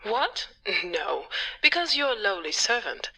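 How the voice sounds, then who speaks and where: A snobbish female psychiatrist in a point-and-click game, snooty and dismissive. Her voice is somewhat high and very bright, with a sharp edge. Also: big pitch swings, a little slow, husky, heavily acted, poor audio. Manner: snooty, looks down on servants.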